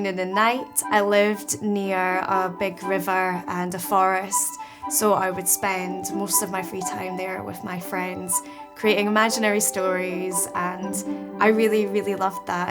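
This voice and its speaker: A Scottish woman in her thirties talks in a documentary interview, soft-spoken and candid. Her voice sits at a middle pitch and stays reflective. Music plays clearly underneath. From Scotland, Edinburgh. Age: 30s. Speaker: artist.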